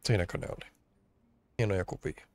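A man from Finland doing casual, rambling let's-play commentary, joking and grumbling as he plays. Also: a little mellow. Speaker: streamer.

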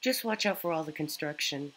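A man voicing a caring mother cat in a video game with a soft motherly lilt. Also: a little high, lively intonation, brisk, slight background noise, pitched above the performer's own voice, low-quality recording.

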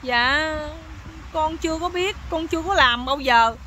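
A woman's voice: high-pitched, a little slow, sharp tone, slight background noise. A woman voicing a meek, naive young husband who pleads mournfully, with a Southern Vietnamese accent. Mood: pleading.

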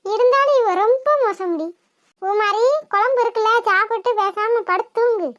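A woman's voice: very high-pitched, moderate pace, a bit bright, dull audio. A woman with a Kanyakumari Tamil accent voicing a short-tempered village mother who scolds her child. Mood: scolding. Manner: scolding, exasperated.

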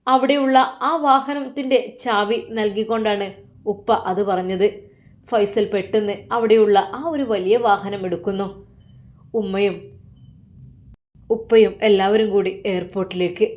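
A woman narrating a family drama in an emotive, expressive storytelling manner. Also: medium pitch, normal speed.

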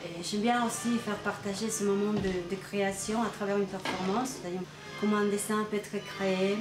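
A woman's voice: mid-range voice, steady tone, a little fast. Argentine-born woman painter, roomy gallery. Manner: thoughtful, searching for words. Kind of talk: interview. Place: indoor art gallery. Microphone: camcorder mic, medium framing. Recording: roomy gallery with music behind.

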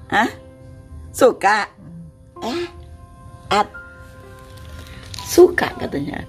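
A woman's voice: mid-range voice, big pitch swings, drawn-out words. Woman caretaker, firm repetitive commands, music bed behind. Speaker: caretaker at a shelter. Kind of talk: casual coaxing and scolding. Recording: background music over speech.

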